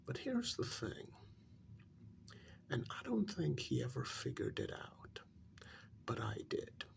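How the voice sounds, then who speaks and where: In an ASMR role-play, a man plays a calm, probing psychiatrist counseling a supernatural couple, his mid-range voice heavily acted. He speaks softly in a breathy half-whisper, confiding and measured, going slowly and deliberately with pauses.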